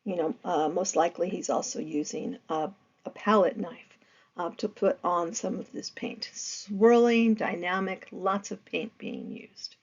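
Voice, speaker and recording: A woman lecturing on art history, with a gravelly, fry-tinged voice. She speaks in a loose, conversational way, filling pauses with ums and uhs. The recording is dull and lo-fi. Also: fairly low pitch. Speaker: art teacher.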